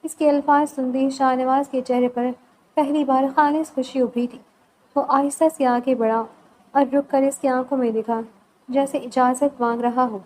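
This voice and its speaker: A woman narrates a romance novel in a calm, measured storytelling voice. Her pitch sits high, and a faint background hum stays beneath her. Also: rough recording.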